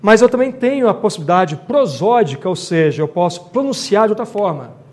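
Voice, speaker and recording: A man with a fairly high voice, lecturing on grammar for exam prep. He explains patiently and keeps checking in with his students. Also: lively intonation, fairly quick. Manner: explanatory, checks in with tag questions. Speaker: teacher.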